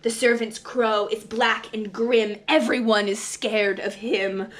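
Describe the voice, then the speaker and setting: Acting as a preschool teacher, a woman reads a rhyming children's storybook aloud in a dramatic, expressive, singsong way. Her pitch is fairly high and she takes it slowly.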